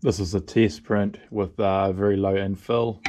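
A man's voice: low voice, flat delivery, unhurried, very noisy. A man narrating his own fabrication build in a workshop, in a laid-back way with dry humour. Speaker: welder and fabricator vlogger. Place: metal workshop, indoors.

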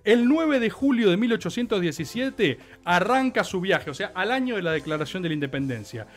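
Man, rioplatense accent, high lively voice, comic storytelling, laughing, slangy. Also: brisk. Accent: Rioplatense Spanish. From Argentina. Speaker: podcast host. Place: radio studio.

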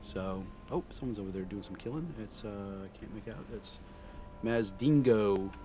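A man's voice: fairly low pitch, moderate pace, background noise. A man chatting casually with viewers during a live game stream, rambling with lots of fillers and restarts. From United States. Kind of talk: casual live-stream chat while gaming.

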